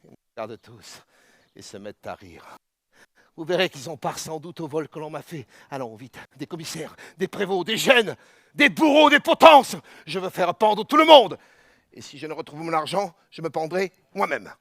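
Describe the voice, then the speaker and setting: An actor playing a frantic old miser who has been robbed, muttering low and then bursting into shouts. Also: male voice, very animated, normal speed, dry recording, studio quality, full character voice. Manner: raging, rising to shouts.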